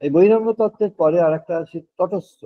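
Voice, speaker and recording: An older man giving a devotional spiritual talk in slow, deliberate, drawn-out phrases, slipping in English words. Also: high-pitched. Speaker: spiritual speaker. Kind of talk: devotional discourse. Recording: dull, muffled lo-fi recording.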